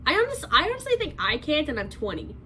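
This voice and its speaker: Woman, 20, commentary YouTuber, sarcastic and rambling, slightly high voice. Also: huge pitch swings, sharp tone, a little hiss or hum, low-quality recording. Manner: sarcastic, rapid rambling with restarts. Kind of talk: commentary vlog.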